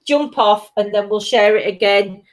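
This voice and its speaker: A woman's voice: mid-range voice, moderate pace, slight background noise. A British woman hosting a live stream in a casual, chatty style. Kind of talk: casual chat.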